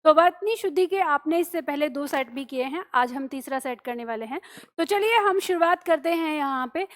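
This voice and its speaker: High-voiced woman teaching spelling. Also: lively intonation. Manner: explains slowly, spells words syllable by syllable, keeps asking "okay?". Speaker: Hindi teacher. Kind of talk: spelling lesson for students.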